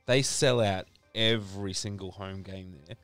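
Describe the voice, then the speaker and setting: Relaxed low-voiced man, dry sound. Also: unhurried, smooth, dry recording, faint music behind. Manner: chuckling, relaxed opinions. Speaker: podcast co-host. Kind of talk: casual basketball chat.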